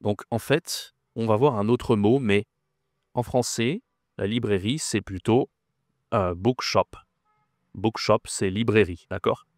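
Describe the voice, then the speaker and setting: Slow, patient male French teacher. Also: lowish voice, no echo, clean studio sound. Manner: patient, repeats words and checks understanding. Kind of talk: slow, clear vocabulary lesson.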